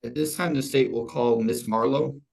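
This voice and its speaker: An American man questioning formally as a state's attorney, halting and hesitant, often repeating his words. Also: mid-range voice, steady tone, gravelly, darkish tone. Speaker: state's attorney in child support case. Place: court hearing over video call.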